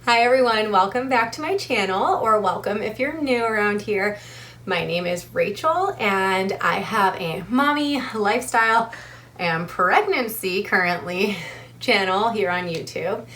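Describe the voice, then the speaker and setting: A young woman chats to her camera in a casual vlog, her voice sitting at a middling pitch. She runs short of breath as she talks and fills the gaps with frequent ums, keeping an easy, chatty flow. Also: lively intonation, measured pace, fairly bright tone. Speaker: vlogger.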